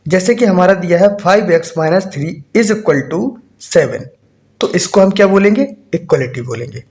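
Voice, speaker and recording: A man's voice: high-pitched, lively intonation, normal speed, darkish tone. A man teaching a maths lesson in Hindi-accented speech, often asking the class a question and then answering it himself. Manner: asks rhetorical questions and answers them himself.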